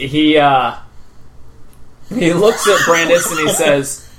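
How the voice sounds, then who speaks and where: A man's voice: on the high side, takes it slowly, noisy background. A man narrating a tabletop game as game master, hesitant, with frequent fillers.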